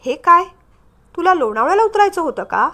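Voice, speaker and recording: A woman's voice: extremely high pitch, sing-song, fairly quick, pitched above the performer's own voice, exaggerated voice. A woman reading a storybook, voicing an unhappy young married woman who speaks in a subdued, restrained way. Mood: sharp. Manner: subdued, then sharp and defensive.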